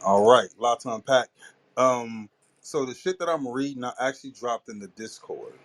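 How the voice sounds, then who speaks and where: A man's voice: medium pitch, lively intonation, moderate pace, rough recording. A man hosting a podcast in casual chat, blunt and swearing offhandedly. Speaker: podcast host.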